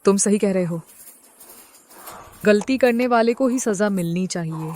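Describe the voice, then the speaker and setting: An actress dubbing a vengeful wife back from an asylum, cold and commanding. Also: female voice, medium pitch, measured pace, warm tone, lightly acted. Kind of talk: Hindi dub of a drama.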